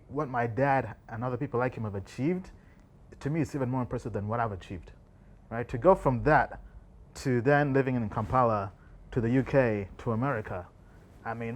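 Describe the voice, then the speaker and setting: Ugandan-born guy in his 30s, just chatting and thinking out loud, mid-pitch voice. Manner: chatty, thinks aloud with restarts and "right?". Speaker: crypto investor and vlog host. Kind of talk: casual reflective talk to camera.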